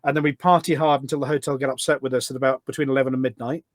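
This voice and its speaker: A British man, a charity event organiser, guests on a podcast, telling stories in a casual, enthusiastic and emphatic way and often repeating his phrases. His voice is medium-pitched with a level tone, and he talks rapid-fire. The sound is clean studio audio with no echo.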